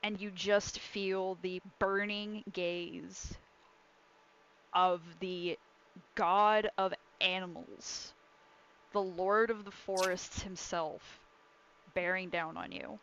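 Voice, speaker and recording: A woman's voice: medium pitch, steady tone, slow, fairly bright tone, clean tone, dull audio. A woman running a tabletop game, improvising descriptive narration in an informal way. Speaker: game master.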